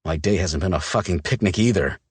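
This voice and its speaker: Man doing a gruff tormented werewolf guy, super deep, husky, low and tight. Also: fairly quick, dry recording. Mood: intense. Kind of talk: audiobook character voice.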